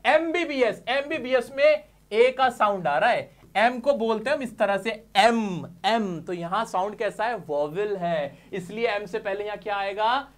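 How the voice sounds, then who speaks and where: A man's voice: high-pitched, expressive, measured pace, few pauses. A man teaching English grammar, explaining step by step, often asking his listeners questions and answering them himself while calling them dear friends.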